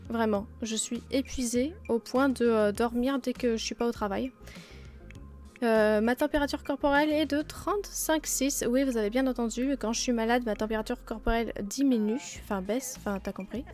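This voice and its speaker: A woman's voice: a little high, normal speed, darkish tone, faint music behind. Chatty sick Frenchwoman playing a game. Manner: chatty, self-mocking, many fillers. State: sick, blocked nose and sore throat. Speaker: let's play host. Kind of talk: casual game commentary.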